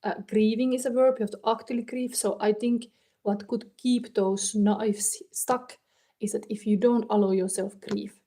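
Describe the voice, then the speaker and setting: A Finnish woman with a Finnish accent reads tarot casually on a live stream, chatting to viewers and thinking aloud in halting, non-native English. Her voice is medium-pitched and dark-toned, with fairly even intonation. She's in a warm indoor room, recorded on a phone.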